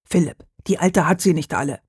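A blunt, foul-mouthed male village cop, voiced by an audiobook reader, grumbling coarsely in a husky, dry voice. He sounds like a small-town patrolman fed up with the job. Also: medium pitch, fairly quick, dry recording. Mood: scornful.

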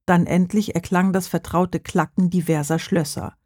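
An audiobook reader narrating a crime novel in a calm, steady way. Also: medium pitch, moderate pace, no echo, studio quality.

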